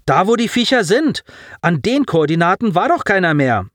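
A man voicing a brash, chubby teenage boy who shouts at soldiers in an audiobook. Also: sits high, big pitch swings, moderate pace, no echo, studio quality, voice pushed up. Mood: sheepish. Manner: cheeky, shouting.

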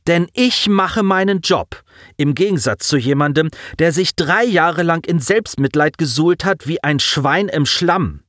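A man's voice: fairly high pitch, unhurried, dry recording, clean studio sound, pitched above the performer's own voice. Lieutenant Guges, an icy female officer, voiced by a man. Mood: icy, scornful. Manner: icy, calm and cutting, with cold laughs. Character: cold, commanding female starship lieutenant.

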